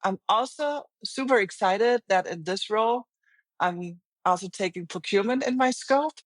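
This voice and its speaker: The interview guest is a middle-aged finance executive with a German accent, speaking at a medium pitch and normal speed. She comes across as earnest and reflective, frequently restarting, and the recording is dry.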